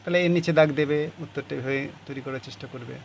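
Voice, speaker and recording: A man's voice: on the high side, fairly even intonation, fast talker, gravelly, slight background noise. A man teaching a class, reading passages of a story aloud and explaining how to write the answers.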